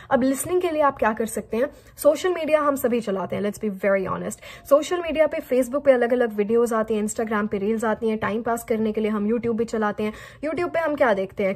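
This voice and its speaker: A woman from a Hindi-speaking background with a Haryanvi accent teaches English in an online lesson. Her voice sits high and carries a slightly husky edge. She keeps posing her own questions, then answers them and repeats the key words.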